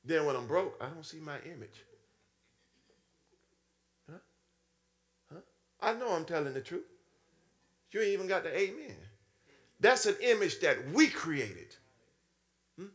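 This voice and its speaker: A man's voice: very animated, measured pace, pauses often. A man preaching a sermon in a style, calling out to the congregation and acting out little scenes in swooping voices. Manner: call-and-response preaching, frequent "Hmm?" to the congregation; acts out voices with sudden high swoops and low drops.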